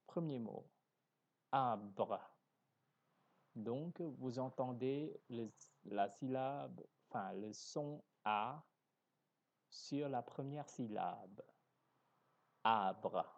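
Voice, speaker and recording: Very slow, deliberate male teacher. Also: mid-range voice, darkish tone, highs cut off. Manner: slow, deliberate, carefully articulating words; corrects himself mid-sentence. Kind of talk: beginner French lesson.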